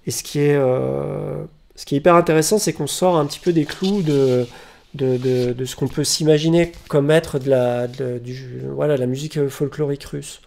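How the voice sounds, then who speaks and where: A man with a gravelly voice at an ordinary pitch talks through his record collection in a casual home vlog. He hesitates often and restarts his sentences. The webcam picks him up at home. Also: fairly even intonation, moderate pace, a little mellow. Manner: hesitant, many fillers and restarts. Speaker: vinyl collector presenting records.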